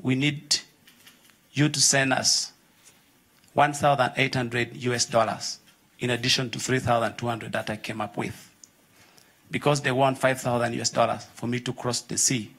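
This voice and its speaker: A young man speaks from the audience at a conference, earnest and steady, with a mid-range voice. He tells a personal story and voices the people in it. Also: mid-range voice, normal speed, pauses often. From Uganda. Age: young adult. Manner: earnest, acts out dialogue in his story. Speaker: audience member telling his story.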